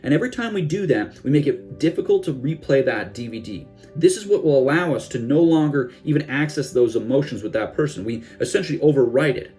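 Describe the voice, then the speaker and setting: Energetic young man coaching in a chatty way. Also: medium pitch, fairly quick, hardly any pauses, faint music behind. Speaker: self-help coach. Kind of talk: casual instructional talk to camera.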